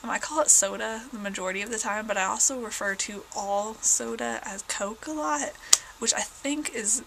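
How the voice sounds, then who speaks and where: Her voice is a little high, fairly bright and creaky, moving at a moderate pace as she rambles in casual chat. She's a young woman vlogging at home, southern Indiana born and accented, slightly congested, with plenty of fillers and self-corrections. Slight background noise sits under a low-quality recording.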